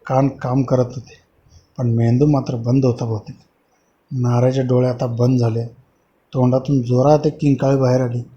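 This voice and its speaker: A man telling a horror story in a slow, dramatic storytelling manner, in a dull lo-fi recording with faint hiss. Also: mid-range voice, flat delivery, dark tone. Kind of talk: scripted horror narration.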